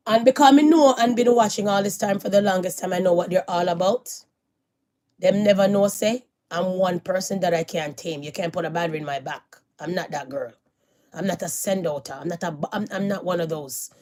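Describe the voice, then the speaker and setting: A middle-aged woman, talking to her viewers in a casual, preachy monologue. She repeats her phrases for emphasis and moves from loud declarations to hushed warnings. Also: on the low side, moderate pace. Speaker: vlogger.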